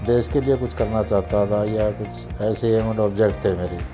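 An older man from Haryana, India, telling his life story in an interview, reflective and unhurried, recorded on a lapel mic in an office. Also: on the low side, fairly even intonation, music in the background. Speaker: businessman interviewee. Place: office with shelves of awards, indoors.

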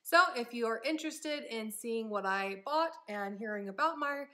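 A woman's voice: a little high, animated, moderate pace, pushed and bright. A young woman chatting casually in a try-on haul vlog, upbeat and rambling with frequent ums. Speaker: vlogger.

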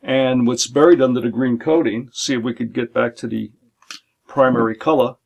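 A middle-aged man with a gravelly, fry-edged voice explains his watercolor setup in an unhurried, methodical way. He lists paints and brushes one by one like a patient art teacher. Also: mid-range voice. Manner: calm, methodical, listing supplies one by one. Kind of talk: instructional demonstration. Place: home art studio, indoors.

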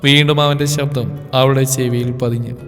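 A man reading a romance story aloud in a slow, emotive narration. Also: mid-range voice, level tone, a bit bright. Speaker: story presenter. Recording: reverb with background music.

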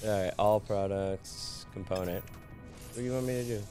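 A man co-hosting a casual gaming session, goofy and quick to laugh at his own jokes. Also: lowish voice, dark tone, faint music behind. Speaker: co-host playing a game.

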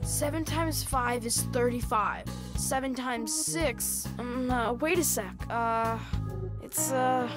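A woman's voice: on the high side, slow. A woman voicing an earnest young schoolboy who talks eagerly and stalls and hesitates when he is unsure, in a cartoon. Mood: fretting. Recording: music bed under voice.

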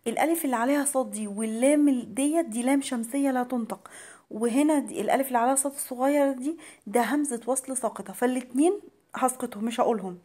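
An Egyptian woman teaching Quran recitation. She chants verses slowly and drawn out, then explains the rules quickly and patiently in everyday colloquial speech. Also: high voice, mellow. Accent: Egyptian Arabic. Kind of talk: tajweed lesson, slow chanted recitation between quick explanations.

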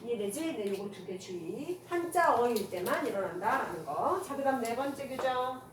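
High-voiced woman teacher, echoey and distant. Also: expressive. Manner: quizzes students with quick rhetorical questions; switches between casual and polite speech. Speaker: Korean language teacher. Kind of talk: classroom grammar lecture. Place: classroom. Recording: echoey room from far off, noisy.

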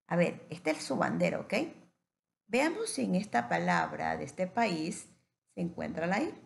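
A woman teacher giving a patient phonics lesson to young children, stretching words out slowly. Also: lowish voice, animated, vocal fry.

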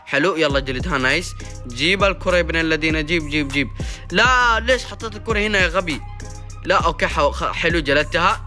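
A young man talks through his gameplay at a rapid clip in a high, sharp, very bright voice. He chatters excitedly, slipping into sing-song cheers and groans. Faint music plays behind him. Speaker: gaming YouTuber. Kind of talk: gameplay commentary.

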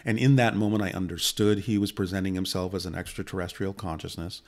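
Low-voiced man in his sixties, steady storyteller. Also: fast talker. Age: 60s. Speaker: guest. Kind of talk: long personal account in conversation. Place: indoor studio set. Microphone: boom-mounted studio mic close by.

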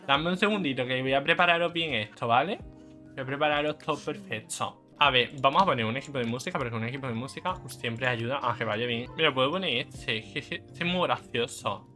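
A young man giving playful, cheeky let's play commentary, swearing freely and bursting into excited shouts. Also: mid-range voice, brisk, soft background music. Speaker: gaming YouTuber.

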